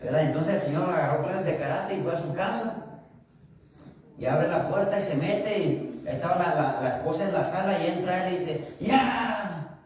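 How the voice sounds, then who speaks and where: High-voiced pastor preaching in an echoey church. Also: male voice, a little mellow. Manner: asks the congregation questions and answers them himself; slows down for emphasis on key phrases. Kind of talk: sermon with humorous anecdotes. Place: church sanctuary. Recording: echoey church hall, distant mic.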